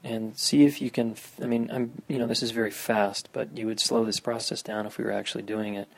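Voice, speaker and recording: Male meditation guide, earnest spiritual-healer manner, low register with a gravelly edge, unhurried phrasing. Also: little pitch movement, low-quality recording. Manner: unhurried, pausing between short phrases. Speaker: guest meditation teacher.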